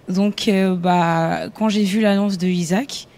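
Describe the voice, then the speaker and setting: A woman with a fairly low voice talks about her dance work. Her manner is friendly and open. Faint background noise is heard. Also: steady tone, takes it slowly, a little mellow. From Kinshasa and Brazzaville. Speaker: dancer and choreographer. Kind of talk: casual interview.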